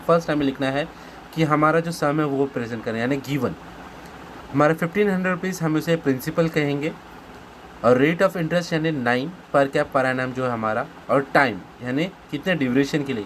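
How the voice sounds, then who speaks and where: A man's voice: mid-range voice, rough recording. Indian male tutor, medium voice, patient step-by-step explainer, light hum behind. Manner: reads questions slowly, then explains in a Hindi-English mix. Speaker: maths tutor. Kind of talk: explaining solved maths sums.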